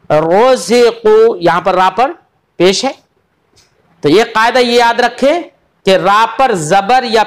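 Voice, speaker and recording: Slow, high-voiced man teaching recitation. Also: a bit bright. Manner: patient, repeats each rule, draws out example words slowly; addresses students fondly as children. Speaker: tajweed teacher. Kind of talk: online Quran recitation lesson.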